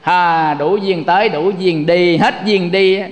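A man's voice: high voice, takes it slowly. A man giving a Buddhist sermon, folksy and joking, often asking the audience for agreement. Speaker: Buddhist teacher. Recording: long hall reverb.

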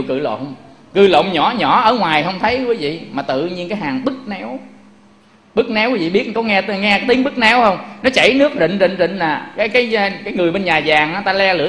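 A man's voice: sits high, animated, a little fast, fairly bright tone. A man giving a Buddhist sermon, often turning to the audience with rhetorical questions. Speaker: Buddhist preacher. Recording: echoey room.

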